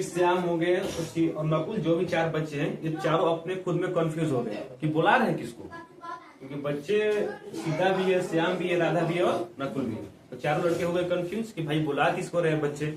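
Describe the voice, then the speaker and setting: Guy teaching grammar, pretty high voice, echoey room, sounds far from the mic. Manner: explains with examples, keeps asking "ठीक?". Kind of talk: classroom Hindi grammar lesson. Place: room with students.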